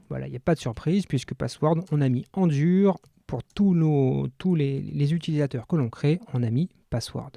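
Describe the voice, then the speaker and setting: A man's voice: on the high side, warm tone, no echo. Man explaining code in a dry screencast. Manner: explanatory, addresses viewers, frequent fillers. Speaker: developer tutorial host. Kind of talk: screencast coding tutorial.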